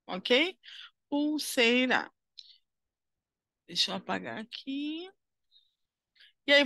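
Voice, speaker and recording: A slow, patient woman teacher with a Brazilian Portuguese accent and a bright, fairly high voice. She talks a young class through a worksheet, kind and encouraging, checking in after almost every step. The recording is close and dry. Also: no room sound. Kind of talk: primary school lesson walkthrough.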